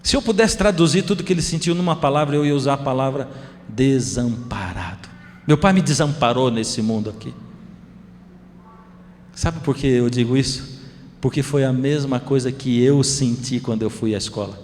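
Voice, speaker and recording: A man's voice: mid-range voice, moderate pace, darkish tone, in a large hall. A man with a Brazilian Portuguese accent, a pastor telling a family story in a sermon and acting out the dialogue.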